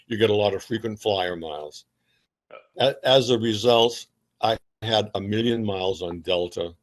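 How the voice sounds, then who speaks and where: An older man, a veteran remembering his life in a conversational, rambling, anecdotal way with repeated starts. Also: lowish voice. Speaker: interviewee, retired Navy veteran.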